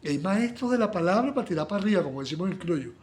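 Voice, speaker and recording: A man preaches a Bible study in a high voice. His pitch leaps all over the place, and he acts out little dialogues, swinging from loud exclamations to quiet asides. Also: expressive, racing.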